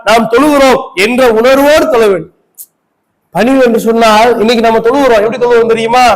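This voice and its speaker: A male preacher with a Tamil Nadu accent gives a Friday sermon in a mosque. His voice sits very high, and he keeps pressing his listeners with questions in an impassioned tone. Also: poor audio.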